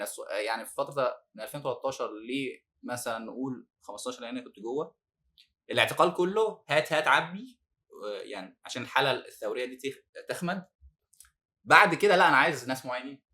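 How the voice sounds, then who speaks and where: Egyptian man guest, rapid, bright and forceful delivery, animated storyteller who laughs through hard memories. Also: mid-range voice. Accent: Egyptian Arabic. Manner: animated, laughs while recounting hardship. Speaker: former detainee guest. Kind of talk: podcast interview storytelling.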